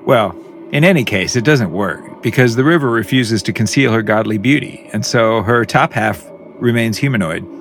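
A man co-hosting a podcast in casual banter, jokey and quick to laugh. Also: medium pitch, slight background noise. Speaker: podcast co-host.

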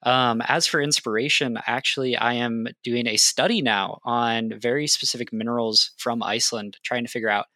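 Young guy talking geology, bright voice, dry sound, lots of uhs. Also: mid-range voice, steady tone, normal speed, few pauses, no echo. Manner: enthusiastic, explanatory, filler-heavy. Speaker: guest geologist. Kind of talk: casual interview answers.

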